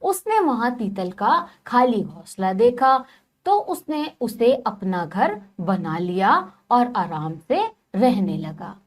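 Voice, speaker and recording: Woman, teacher, storytelling lesson for children, retells each passage, asks children questions, slow, lively pitch.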